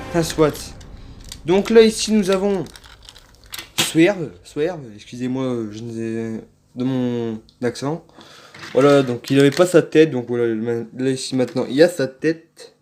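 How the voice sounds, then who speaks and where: A man's voice: medium pitch, normal speed, music in the background. Chatty man filming a toy unboxing. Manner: chatty, hesitant, many fillers and self-corrections. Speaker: toy collector vlogger. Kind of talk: casual unboxing commentary. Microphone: handheld phone without tripod.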